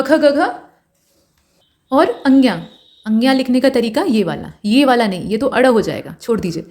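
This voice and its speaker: A woman teaching an online exam-prep grammar class, patiently explaining and slowly sounding out vowels and letters as examples. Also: high voice. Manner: explains patiently, checks understanding with "ठीक है".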